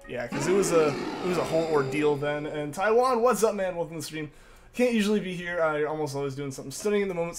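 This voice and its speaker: A young man with a slightly higher voice rambles casually to his live-stream chat, full of fillers and repeats. He has a slight lingering cough, and music plays clearly underneath him.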